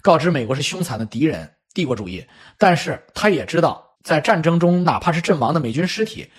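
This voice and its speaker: Husky, animated middle-aged storyteller man. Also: fairly high pitch, fairly quick. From China. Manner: animated, chatty, with spoken asides. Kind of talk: casual storytelling commentary.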